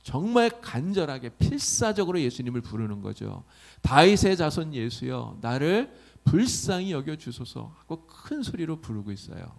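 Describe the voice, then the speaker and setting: A man's voice: mid-range voice, vocal fry, darkish tone. A male pastor preaching a sermon, often asking the congregation questions.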